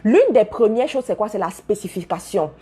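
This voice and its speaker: Emphatic woman coach with a husky voice. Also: medium pitch, sing-song, normal speed, warm tone. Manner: emphatic, repeats key phrases, addresses listeners directly. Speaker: business coach. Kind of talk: motivational talk to followers.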